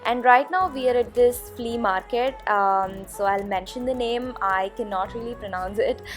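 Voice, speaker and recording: Young woman from india vlogging her trip, chatty, lots of ums, soft music behind. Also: a little high, moderate pace. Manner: chatty, with frequent ums and uhs. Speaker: travel vlogger. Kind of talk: casual travel vlog narration.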